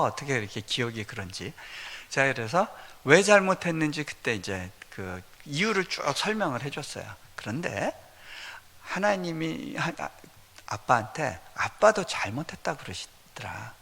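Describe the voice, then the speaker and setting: At a revival meeting in a church sanctuary, a missionary preacher weaves personal anecdotes into a conversational sermon, frequently chuckling. He speaks at a moderate pace in a medium-pitched, sing-song voice with a sharp tone, and the hall adds long reverb.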